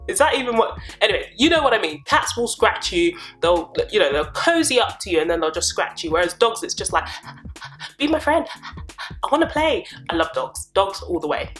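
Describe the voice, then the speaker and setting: A young woman talks through personal questions in a relaxed, rambling vlog. Her voice sits a little low for a woman, and she fills the gaps with ums and quick laughs. Faint music plays behind her. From born in Uganda, grew up in South East London. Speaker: property investor and vlogger. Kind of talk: casual get-to-know-me vlog.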